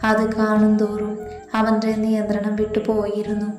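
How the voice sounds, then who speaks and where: A woman narrates a romance story in an even, unhurried reading voice. Her tone is mellow and her pitch moves little, sitting a bit high. The room echoes and faint music plays beneath. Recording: roomy echo, faint background music.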